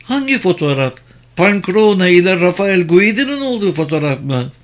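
Man voicing a frightened young woman, high and strained. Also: big pitch swings, moderate pace. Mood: alarmed. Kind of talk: audiobook character voice.

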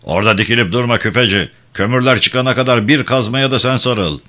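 Brief: man doing a bossy, gruff old-time mine foreman, loud and raised above a deep natural voice, storybook reading. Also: lively intonation, moderate pace. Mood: scolding. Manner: gruff, scolding shouts. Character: harsh, arrogant male mine foreman barking orders.

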